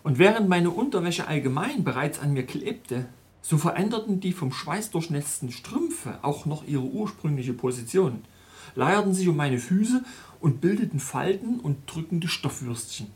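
A man, host of a storytelling podcast, narrating his own travel story in scripted first person with measured, detailed telling. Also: a little high, big pitch swings, a little mellow.

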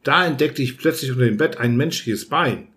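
A man narrating an audiobook in the first person, telling the story with lively acted shouts. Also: mid-range voice, normal speed.

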